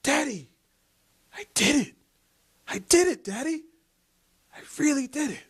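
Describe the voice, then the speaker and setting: A man's voice: sing-song, moderate pace, heavily acted. A man voicing his timid little daughter as she pleads and frets in a story. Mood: excited. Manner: pleading, breathless, high-pitched. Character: little girl, whiny and timid, then proud.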